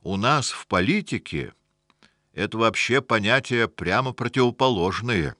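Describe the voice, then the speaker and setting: A man's voice: fairly low pitch, expressive, a little slow, bright, forceful tone, no echo, studio quality, voice pushed up. A man voicing a sardonic, weary old miracle-worker. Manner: sardonic, grumbling.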